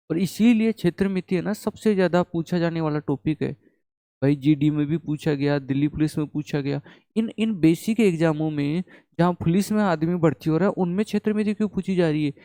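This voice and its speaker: A young man teaching a math class, talking lively and often checking with his students. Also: a little high, no room sound, studio quality. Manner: animated, repeats "ठीक है?" to check the class. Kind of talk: classroom lecture.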